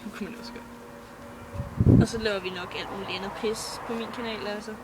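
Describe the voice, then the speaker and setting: A woman's voice: mid-range voice, steady tone. A teenage girl chatting casually to her webcam at home, rambling, giggling and swearing offhandedly. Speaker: vlogger. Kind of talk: casual rambling chat to camera. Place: at home at the computer. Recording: loud background noise.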